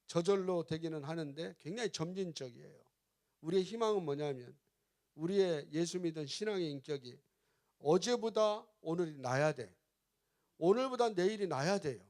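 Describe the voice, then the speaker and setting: High-voiced man preaching a revival sermon. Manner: emphatic preaching, rises to loud exclamations, asks the congregation questions. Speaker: pastor.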